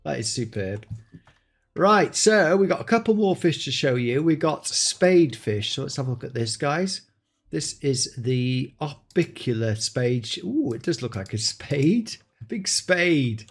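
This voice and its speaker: A man's voice: a little high, big pitch swings, unhurried, breathy edge. A man hosting an enthusiastic gameplay showcase, exclaiming often as he shows off new creatures. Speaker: game showcase host. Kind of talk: excited gameplay commentary.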